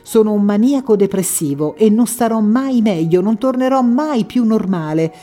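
A woman reading a first-person story as an audiobook, expressive and full of feeling. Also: mid-range voice, normal speed, soft background music. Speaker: audiobook narrator.

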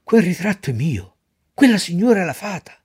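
A man's voice: sits high, sing-song, brisk, darkish tone, breathy edge, pitched above the performer's own voice, heavily acted. A man doing a yearning puppet boy. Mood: longing. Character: wooden puppet boy turned donkey, yearning.

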